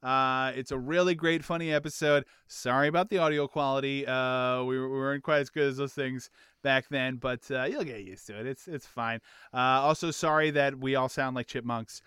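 A man hosting a podcast in casual, comedic chat, with a halting delivery that often repeats words. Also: medium pitch, fairly even intonation, fairly bright tone, clean tone, dry recording, clean studio sound. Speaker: podcast host.

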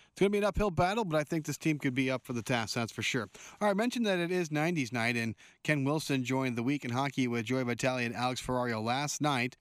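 A man hosts a sports podcast, talking in a relaxed, chatty way between segments. His voice is smooth and resonant at a middle pitch. The sound is dry and close. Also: no room sound. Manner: easy, chatty linking between clips. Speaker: podcast host.

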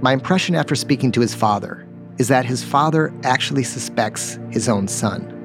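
A man hosting a podcast, narrating a true-crime investigation in a measured, insistent way. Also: mid-range voice, over music.

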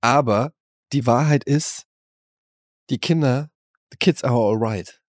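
A man's voice: medium pitch, slow, no echo, clean studio sound. A man in his forties, a podcast co-host, chatting casually in a crude, ranting way and acting out the voices he quotes. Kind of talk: casual chat.

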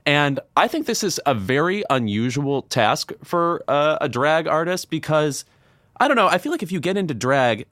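A man co-hosting a podcast, interviewing casually with animated, rambling asides. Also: on the high side, moderate pace, no echo, clean studio sound. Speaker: podcast host.

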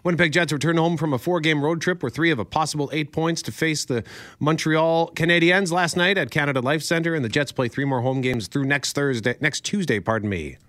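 A man's voice: a little high, a little fast, a bit bright, no room sound, studio quality. A man presenting sports radio, reading a scripted sponsor line and schedule.

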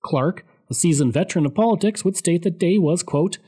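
A man giving a scripted, steady explanatory narration of political history. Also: fairly high pitch, a little fast, husky.

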